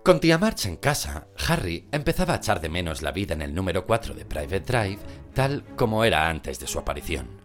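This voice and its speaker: A man reading a novel aloud as an audiobook narrator, with expressive storytelling. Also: sits low, brisk. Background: background music.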